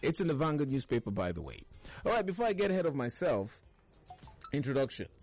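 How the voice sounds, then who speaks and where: A man speaks in a smooth radio host delivery on a morning show. His voice sits at a middling pitch, and he is chatty and playful, drawing words out for emphasis on a studio mic. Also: sing-song, fast, no room sound, faint music behind. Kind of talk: morning radio newspaper review.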